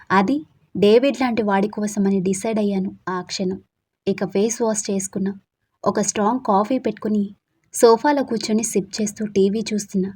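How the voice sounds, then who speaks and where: A woman's voice: medium pitch, a little mellow. A woman narrating a first-person audio story in a confiding, emotional way.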